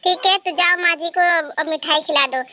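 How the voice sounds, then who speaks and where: A man's voice: extremely high pitch, steady tone, a little fast, sharp tone, a little hiss or hum, full character voice. A man voicing a stubborn, devoted young son in a cartoon, talking firmly. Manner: firm, pleading with his mother. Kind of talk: cartoon voice acting.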